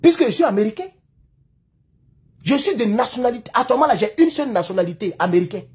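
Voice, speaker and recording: Raspy, fiery Ivorian man ranting. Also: extremely high pitch, animated, fast talker. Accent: Ivorian French. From Ivory Coast. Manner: impassioned, accusatory, repetitive. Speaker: YouTube political commentator. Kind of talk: heated political rant.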